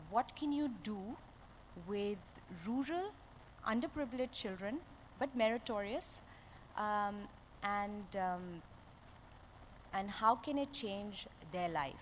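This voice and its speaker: A woman with an educated, upper-class Indian accent gives a conference keynote in a halting way, pausing often as she goes. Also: mid-range voice, low-quality recording. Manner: hesitant, halting delivery with frequent pauses. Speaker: keynote speaker. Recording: background noise, live event ambience.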